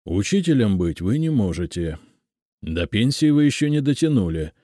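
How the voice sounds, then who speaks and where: Man voicing a loud, fretful official. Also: lowish voice, sing-song, normal speed, no echo, studio quality, voice pushed up. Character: fussy self-important male school director. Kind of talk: audiobook character reading.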